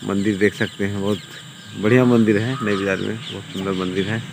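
Filming on a handheld phone during a foggy morning walk, this young vlogger chats casually and keeps showing viewers what's around him. He speaks a little fast in a fairly low, steady voice; the rough audio picks up clear street noise and passing cars.

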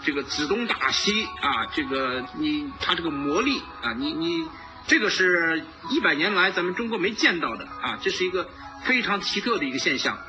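A man's voice: sits high, big pitch swings, moderate pace, sharp tone, soft background music, poor audio. A man giving informal political commentary as a host, emphatic and repeating his phrases.

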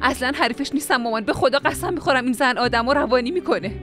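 An exasperated young woman, voiced by a woman in a dubbed TV drama, complaining to her mother. Her voice is fairly high, and clear music plays behind her. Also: close to an everyday voice. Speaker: dub actress. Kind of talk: Persian-dubbed TV drama acting.

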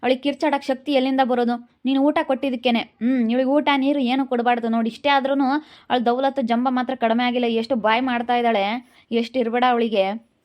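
A woman's voice: a little high, fairly even intonation, a little fast, darkish tone, close to an everyday voice. A woman with a Chitradurga Kannada accent playing a scornful accomplice who sneers at and accuses the prisoner. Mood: sneering. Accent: Kannada, Chitradurga region. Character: scornful female accomplice of the captor. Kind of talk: amateur village drama.

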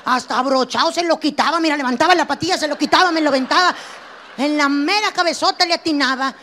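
A woman's voice: high voice, bright, forceful tone, slight background noise. A middle-aged woman with a northern Mexican accent doing a brash stand-up comedy monologue, acting out a scolding mother. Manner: brash, quick-switching, acts out scolding mother.

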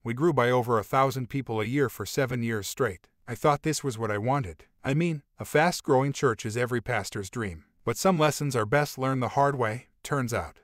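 Male audiobook narrator, mid-pitched, steady first-person read, dry close sound. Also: normal speed, few pauses, no echo. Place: voice-over.

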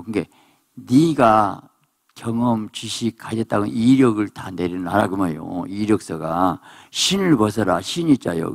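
Male pastor, lively gravelly sermon delivery with husky edge, acts out the voices he quotes. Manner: animated preaching, voices characters in quotes, jumps to high exclamations. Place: prayer retreat hall.

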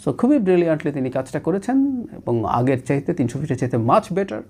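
A male political commentator from Bangladesh, speaking alone on his own show. His pitch swings widely as he stresses his points, and he drifts between languages mid-sentence in an emphatic, analytical way. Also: big pitch swings, brisk, darkish tone. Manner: emphatic, often slips English phrases into his talk.

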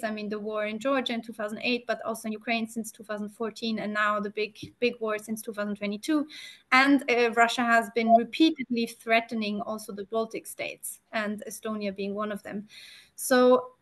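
A young woman with a fairly high voice leads the interview over a video call. She lays out background in a steady, explanatory way before posing prepared questions. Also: normal speed.

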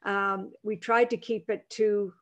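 A woman moderating a professional webinar Q and A, speaking slowly and haltingly with many fillers, over a computer mic. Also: medium pitch, level tone, muffled recording. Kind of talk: hosting a Q and A webinar.

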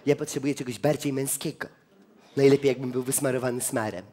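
A comedian playing a flamboyant, eccentric job seeker in a cabaret sketch, theatrical and flirtatious. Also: male voice, mid-range voice, little pitch movement, fast, natural voice. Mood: camp, dreamy. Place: theater stage. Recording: stage recording with loud audience. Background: audience laughter.

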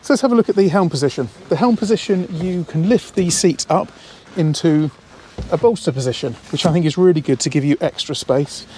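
A slightly high-voiced man in his thirties walks a camera through a boat outdoors at a marina. He talks with enthusiasm, repeating words and dropping in fillers as he points things out. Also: brisk, dark tone, slight background noise. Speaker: boat salesman. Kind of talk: walkthrough tour. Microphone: handheld camera, speaker walking around it.

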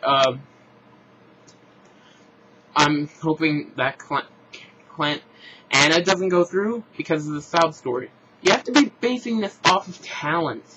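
A man talks through a casual vlog review in a bright, slightly raised voice, rambling and blunt, often stopping to restart his sentences. The recording is muffled and lo-fi, with a faint hiss underneath. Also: on the high side. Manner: rambling, frank, with restarts and self-corrections. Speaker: show reviewer. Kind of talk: casual opinionated vlog commentary.

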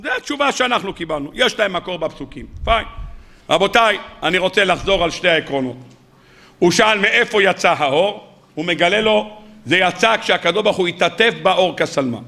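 Male rabbi preaching, high-pitched and animated, acts out quotes. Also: creaky. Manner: animated, rhetorical questions, acts out quoted sages. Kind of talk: weekly Torah sermon.

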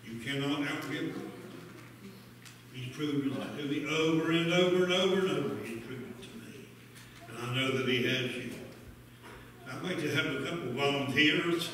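A man's voice: medium pitch, normal speed, fairly bright tone, slight background noise. A man leading a church service, exhorting fervently with frequent hallelujahs and then praying. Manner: fervent, exclamatory, punctuated with hallelujahs. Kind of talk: spontaneous church exhortation and prayer. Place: church sanctuary. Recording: echoey hall, distant mic, congregation. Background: congregation calling out responses.

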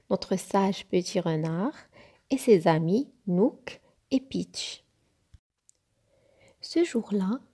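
A woman reading a children's story aloud in a slow, careful, clear narration. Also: medium pitch, warm tone.

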